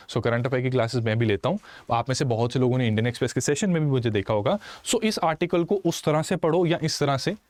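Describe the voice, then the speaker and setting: A male teacher giving an exam-prep lecture, animated and rhetorical, scolding students informally. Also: medium pitch, dry recording.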